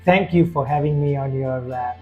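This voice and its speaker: A man's voice: medium pitch, moderate pace, narrow, tinny audio, soft background music. A man from Sri Lanka, a guest in an interview, speaking earnestly with frequent fillers and restarts. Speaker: guest, festival director and business owner. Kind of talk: conversational interview.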